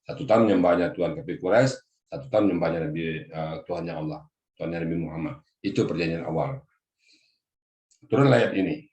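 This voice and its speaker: A man's voice: sits low, a little fast, a little mellow, reverberant. A man giving a religious lesson on Quranic verses, explaining the grammar word by word and often addressing his listeners as "Pak". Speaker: religious teacher. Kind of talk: Quran exegesis lesson to a group. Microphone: video call.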